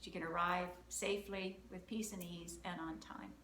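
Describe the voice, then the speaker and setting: Acting as host and emotion code practitioner, a woman narrates a live energy-healing session step by step, cheerfully and chattily counting through the options. Her voice is lowish and fairly bright, with fairly even intonation and normal speed. The sound is roomy with a little background noise.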